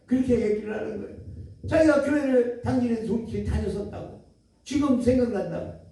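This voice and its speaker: Guest preacher, male, very high and mellow voice, lively storytelling sermon, echoey hall recording from a distance. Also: brisk. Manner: animated, acts out dialogue, laughs often. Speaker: guest lecturer at a retreat center.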